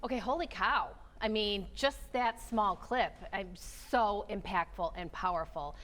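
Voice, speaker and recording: A woman's voice: medium pitch, measured pace, a bit bright. An American woman presenting and interviewing as host of an upbeat lifestyle TV show.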